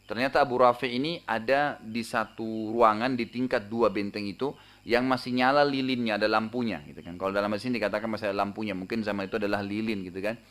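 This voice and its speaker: A male Islamic preacher retelling a story in a sermon, in a lively way, often tagging his lines with a casual filler and raising his voice for the story's shouts. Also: medium pitch.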